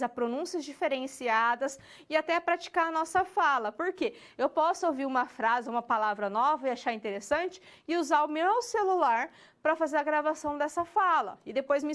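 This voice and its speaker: High-voiced woman teaching English. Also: a bit bright. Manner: slow, stretched model phrases when demonstrating English questions; talks directly to the student, checks in with tags. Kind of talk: recorded online lesson.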